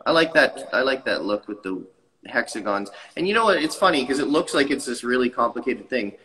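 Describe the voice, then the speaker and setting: Man in his 30s, tile business owner, eager and animated, bright forceful tone, reverberant webcam sound. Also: mid-range voice, fairly quick. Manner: enthusiastic, animated hand gestures. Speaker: tile company owner, guest. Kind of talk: casual interview talk. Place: tile showroom, indoors. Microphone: video call webcam.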